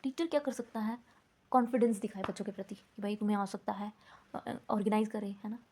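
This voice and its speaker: A woman's voice: medium pitch, fairly even intonation, brisk, dark tone, a little hiss or hum. A woman explaining teaching methods in a lecture, mixing in English terms and often checking in with "है ना?". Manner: mixes English terms into Hindi, frequent "है ना?" checks. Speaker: teacher educator.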